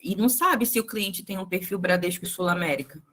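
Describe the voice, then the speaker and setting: A woman's voice: fairly low pitch, a little fast, a bit bright. Chatty woman leading a sales training. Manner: chatty, addresses the group directly with frequent tag questions. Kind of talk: live sales training talk.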